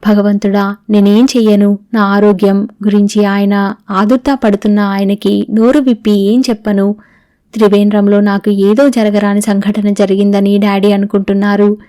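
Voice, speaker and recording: A woman's voice: mid-range voice, little pitch movement, moderate pace, mellow, dry recording, studio quality, natural voice. A woman reading the diary of a young woman facing terminal illness, written to her father, in an audiobook. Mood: sorrowful.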